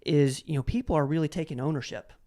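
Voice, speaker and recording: This podcast host and interviewer talks fast in a slightly high, warm voice. He runs a casual conversational interview with lots of enthusiasm, rambling and frequently repeating words.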